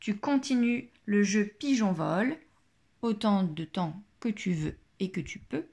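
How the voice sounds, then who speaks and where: Teaching a child through a phonics listening game, a woman repeats each word twice and articulates every sound with slow care. Her medium-pitched voice is animated and a little mellow.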